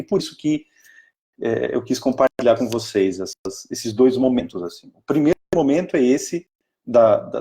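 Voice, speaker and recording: A Brazilian man with a Brazilian Portuguese accent tells a story in a loose, chatty live talk. His voice is mellow and sits at a middle pitch, and he keeps restarting his sentences with an enthusiastic flow. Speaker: strategic planning mentor for an NGO.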